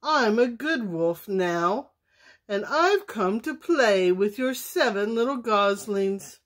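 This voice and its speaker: A lonely big bad wolf, now set on being good, speaks sweetly and politely, as a woman reading a storybook acts him out. He talks slowly and gently, in a mid-range voice. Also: mid-range voice, animated. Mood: sweetly earnest.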